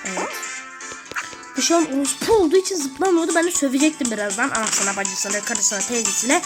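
A woman's voice: high-pitched, fast, music in the background. A woman ranting and swearing through gameplay commentary in a small bedroom at home. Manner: irritable, swears constantly, rants at the game. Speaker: gaming video creator.

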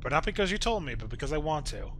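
A man's voice: on the high side, sing-song, fast, fairly bright tone, slight background noise. A man streaming a video game and making dry, wry remarks. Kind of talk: casual game commentary.

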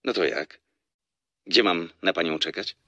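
A deep-voiced flirting salesman. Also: unhurried, pushed and bright, no room sound. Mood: teasing. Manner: playful, laughs often, teasing. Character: flirtatious smooth-talking male salesman on phone. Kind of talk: radio drama acting.

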